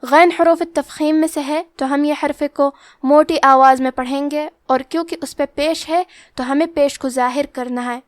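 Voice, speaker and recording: A woman with a high voice gives a methodical recitation lesson, going through each rule in careful steps. The recording is close and dry, with no room sound. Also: steady tone, dry recording. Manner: methodical, step-by-step explanation with drawn-out recited words. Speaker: Quran recitation teacher. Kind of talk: tajweed lesson, explaining rules then reciting slowly.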